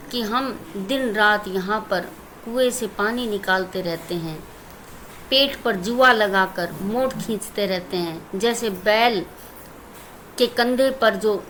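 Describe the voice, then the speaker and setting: A woman's voice: medium pitch, fairly bright tone, a little hiss or hum, poor audio. A woman Hindi teacher with an Indian accent, reciting lines of verse and then explaining them plainly to her students. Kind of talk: poem explanation lesson.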